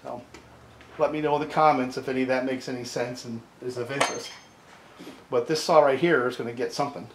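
Fairly quick and medium-pitched with fairly even intonation, the middle-aged chainsaw repair host chats through the repair at his workbench, throwing in "right?" often. The recording comes from a tripod camera mic in a cluttered home workshop, echoey and full of background noise.

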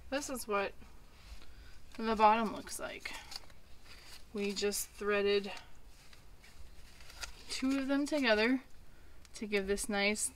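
A woman's voice: medium pitch, slight background noise. A woman in her thirties chatting casually as she shows off her small wooden camper trailer, with lots of ums and likes, recorded on a handheld phone. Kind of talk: casual show-and-tell. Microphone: handheld phone camera.

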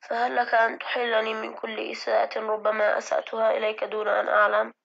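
A frail old caliph near death speaks with gentle, measured calm, as a woman reads him. The voice sits fairly high and sounds bright and forceful. The recording is dull and lo-fi. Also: gravelly, full character voice. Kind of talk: classroom drama reading.

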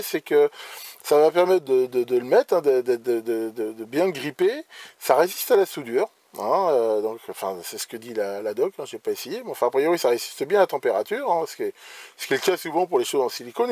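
This is a casual show-and-tell in which a man presents electronics he purchased, faltering with frequent restarts and filler words. His voice sits fairly high and is slightly mellow, with no echo.

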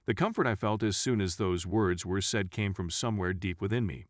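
A man reading out a first-person forum story as scripted narration, at an even reading pace. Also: low voice, fairly quick, no echo, clean studio sound.

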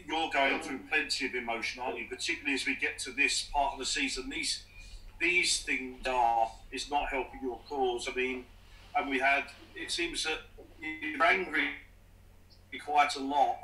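A man's voice: medium pitch, steady tone, moderate pace, bright, forceful tone. A man, a journalist asking a probing question at a press conference. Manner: probing, conversational. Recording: echoey room, distant mic.

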